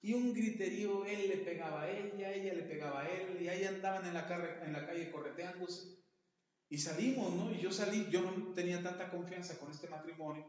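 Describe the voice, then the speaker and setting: A man's voice: high-pitched, fairly quick, darkish tone. A man preaching a sermon, telling stories in a conversational way and asking the congregation questions, in a church hall. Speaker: pastor. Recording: echoey hall, dull sound.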